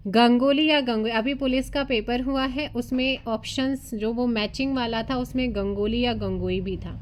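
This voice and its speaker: Woman reading exam notes aloud. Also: fairly high pitch. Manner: reads long lists of names with asides to students. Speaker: exam coaching teacher.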